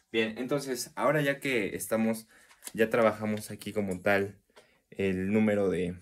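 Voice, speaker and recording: A man teaching a poetry lesson, counting syllables aloud slowly, with frequent hesitations and restarts. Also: on the low side. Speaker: literature teacher. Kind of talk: explanatory recorded lesson.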